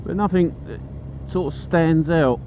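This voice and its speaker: A man's voice: fairly high pitch, measured pace. A middle-aged man, rambling casually and thoughtfully as he vlogs from a moving motorcycle. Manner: musing, chatty, colloquial. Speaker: motorcycle vlogger. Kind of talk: casual rambling commentary while riding. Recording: loud engine and road noise. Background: engine, traffic and road noise.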